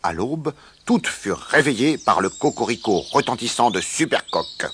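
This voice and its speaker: A man reading a children's story aloud in an expressive way. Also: medium pitch, background noise. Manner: slow, expressive read-aloud.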